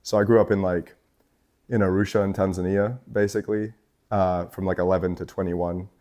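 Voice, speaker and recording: A man's voice: sits low, flat delivery, brisk, warm tone. A young man from Scotland, a guest artist in a tattoo shop, chatting casually in a loose, rambling way full of fillers and swearing. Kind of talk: casual chat.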